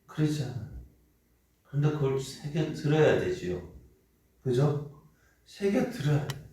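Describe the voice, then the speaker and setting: A pastor preaches an early morning sermon in a conversational style, often asking the congregation questions and acting out quoted parents with shouted lines. His medium-pitched voice has lively intonation and a slightly slow pace. The mic sits at a distance in a very echoey church sanctuary.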